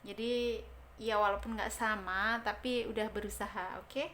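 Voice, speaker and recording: A woman giving a casual pronunciation lesson, chatty, slowly repeating words to demonstrate sounds. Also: mid-range voice, steady tone, fairly bright tone, slight background noise. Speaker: English teacher.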